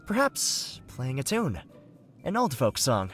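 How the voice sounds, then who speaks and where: An actor playing an earnest, excitable writer companion in a video game, speaking theatrically and eloquently with wonder. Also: male voice, medium pitch, slow, heavily acted. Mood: musing. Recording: game music behind the voice. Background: game music.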